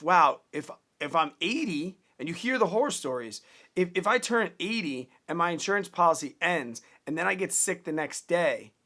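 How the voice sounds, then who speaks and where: This man in his thirties has a voice on the high side with a slight brightness. Speaking straight to the camera, he offers casual, earnest personal finance advice in a plainspoken way, often repeating words as he restarts.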